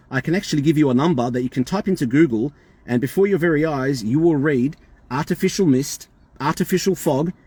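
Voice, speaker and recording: A man's voice: medium pitch, a little mellow, breathy edge. An Australian man calling a hotline, talking in an insistent, emphatic and repetitive way. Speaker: caller. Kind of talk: phone call complaint.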